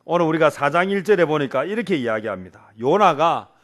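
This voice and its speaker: Male pastor, slightly high voice, preaching a sermon, asks and answers his own rhetorical questions. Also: animated, brisk, fairly bright tone.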